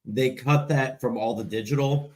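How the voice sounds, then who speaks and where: A man's voice: mid-range voice, moderate pace, darkish tone. A man with an Illinois accent, rambling through casual late-night podcast chat as a co-host, often restarting his sentences. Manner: rambling, repeats words when starting.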